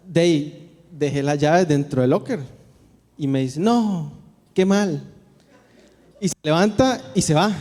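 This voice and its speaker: High-voiced Costa Rican man telling a sermon story. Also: warm tone, long reverb tail. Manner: conversational, keeps adding a questioning tag to his sentences. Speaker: church speaker.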